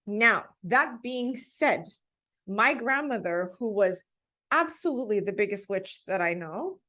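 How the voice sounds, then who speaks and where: A woman's voice: mid-range voice, expressive, measured pace, pushed and bright. A woman talking as a podcast guest, telling personal stories in an earnest, emphatic, conversational way.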